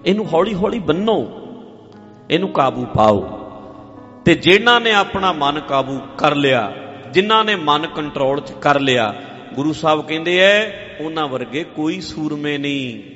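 A man's voice: a little high, expressive, a little slow, fairly bright tone, soft background music. Man preaching in an echoing hall. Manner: repetitive, conversational preaching, acting out worried voices. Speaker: Sikh preacher. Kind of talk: sermon. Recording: dull, hall-like reverb.

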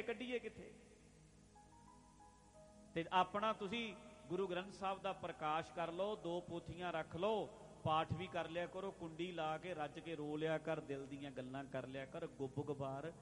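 A man preaching a religious sermon, addressing listeners directly, repeating phrases and chanting scripture lines slowly. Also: on the high side, fairly bright tone. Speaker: Sikh preacher.

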